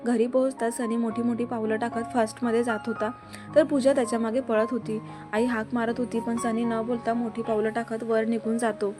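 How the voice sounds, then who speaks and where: A woman narrating a serial story in a brisk, plain storytelling manner. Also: on the high side, little pitch movement. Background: background music.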